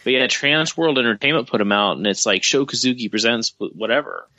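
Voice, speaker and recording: A man's voice: medium pitch, brisk, sharp tone, no echo, dull audio. A man co-hosting a horror movie podcast over a call, chatting casually with lots of fillers and restarts. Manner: rambling, many fillers and restarts. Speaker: podcast co-host. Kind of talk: casual chat. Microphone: remote call.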